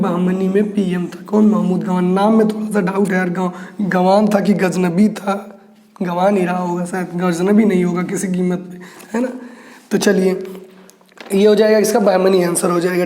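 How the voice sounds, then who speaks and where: A man teaching an exam-prep lesson in a chatty way, repeating each answer slowly as he writes it out. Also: high-pitched, warm tone, echoey room.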